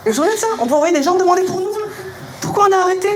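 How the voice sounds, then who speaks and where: A young man performing punchy stand-up comedy in colloquial, slangy language, telling animated stories and acting out dialogue. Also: extremely high pitch, very fast, crowd noise. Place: live comedy venue. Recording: live show recording with clear noise.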